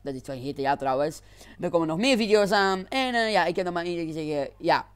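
Excitable gamer guy, smooth voice. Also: on the high side, quick pace, soft background music. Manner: excitable, exclaiming and laughing often. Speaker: gaming channel host. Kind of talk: let's-play commentary.

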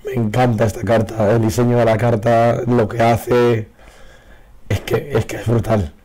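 Here a hoarse man with a medium-pitched voice opens card packs a little slowly, chatting casually for his card game videos. He's excitable, shouting at his pulls despite his failing voice, and the microphone is faulty.

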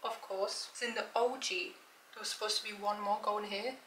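A woman's voice: medium pitch, fairly even intonation, normal speed, pushed and bright, slight background noise, rough recording. A woman chatting casually in her bedroom as she films a vlog, swearing freely and mocking herself. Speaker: vlogger.

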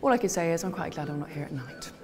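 A woman's voice: low-pitched, lively intonation, quick pace, over music. A woman, presenting and narrating a travel show in an enthusiastic, chatty way. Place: indoor museum exhibits.

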